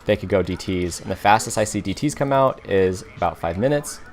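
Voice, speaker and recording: A man with a fairly low voice talks through a strategy game as he plays it. His commentary is casual and unhurried, half thinking aloud and half explaining to viewers. Keys clack now and then under his words. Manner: relaxed, self-talking, explains moves as he plays. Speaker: gaming commentator.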